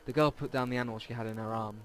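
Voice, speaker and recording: A man reads visual novel text in a rapid-fire, fairly even medium-pitched voice for his let's play, occasionally tripping on words. Game music sits behind him.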